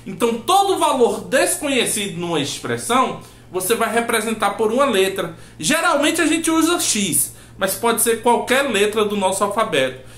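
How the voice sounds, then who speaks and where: A man's voice: sits high, sing-song, moderate pace, hardly any pauses, a bit bright. A man teaching a math lesson, asking rhetorical questions and acting out his students' replies. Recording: roomy echo.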